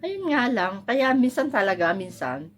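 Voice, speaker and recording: A woman's voice: fairly high pitch, very animated, a little slow. A woman from the Philippines, vlogging casually at home, telling a story in a rambling, chatty way and laughing often.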